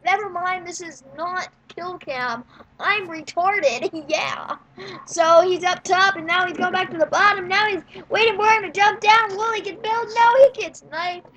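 A woman giving casual, rambling play-by-play commentary on a match, with quick sarcastic asides. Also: extremely high pitch, fairly bright tone, slight background noise. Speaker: gameplay commentator.

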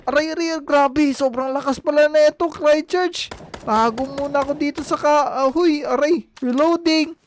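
A woman hosting a game video, talking in excited gameplay banter and yelping often. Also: high voice, normal speed, slight background noise. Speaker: channel host playing a game.

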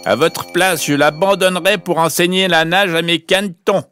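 A man's voice: sits high, steady tone, normal speed, pushed and bright, dry recording, soft background music, voice pushed up. A man voicing a blunt, bossy old female duck in a storybook.

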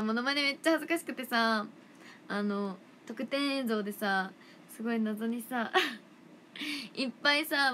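A young woman idol chatting casually on a livestream, reading fan comments in a playful, chatty way that sometimes drops into soft whispers, close to the mic. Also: fairly high pitch, slight background noise.

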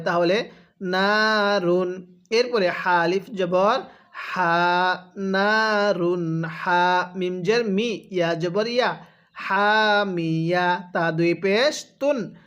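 Slow, patient male Quran teacher. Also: high-pitched. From Bangladesh. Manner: patient, drawn-out syllable-by-syllable recitation. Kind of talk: spelling out and reciting verses for learners to repeat.

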